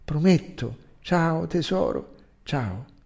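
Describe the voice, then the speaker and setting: Man playing uneasy army captain, bit high, awkward and evasive, storybook reading. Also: big pitch swings, takes it slowly, creaky, a little mellow, husky, full character voice. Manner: stammering, awkward.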